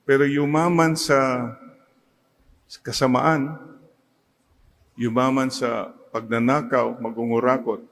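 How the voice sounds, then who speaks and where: Slow-talking Filipino priest preaching. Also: male voice, medium pitch, low-quality recording. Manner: mixes Tagalog and English, leads the congregation in call-and-response. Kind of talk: sermon. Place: church.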